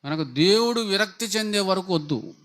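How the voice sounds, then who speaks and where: Fervent male preacher with a higher voice. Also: expressive, normal speed, a bit bright. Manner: fervent preaching with rhetorical questions. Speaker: pastor. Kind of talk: Telugu sermon.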